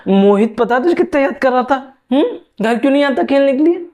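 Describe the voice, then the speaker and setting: A man's voice: extremely high pitch, expressive, quick pace, a little mellow, pitched above the performer's own voice. A man voicing a pushy middle-aged female neighbor who keeps borrowing things, in a wheedling, sugary tone. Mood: fussing.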